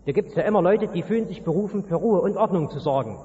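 Guy preaching a sermon, high voice, talks straight to you, long echo in a big hall. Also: expressive, fast talker, mellow, slight background noise. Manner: addresses listener directly, emphatic storytelling. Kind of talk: evangelistic sermon. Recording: dull recording with long hall reverb.

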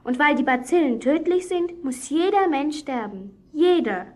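A woman's voice: high-pitched, animated, normal speed, a little mellow. A woman acting a young girl in a children's radio play, earnestly retelling a Bible story to a boy.

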